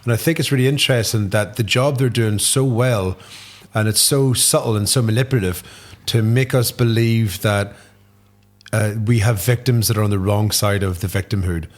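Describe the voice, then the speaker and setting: A man with a Northern Irish accent, a podcast guest telling stories in casual chat, animated, swearing freely and laughing often. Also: lowish voice, moderate pace. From Northern Ireland.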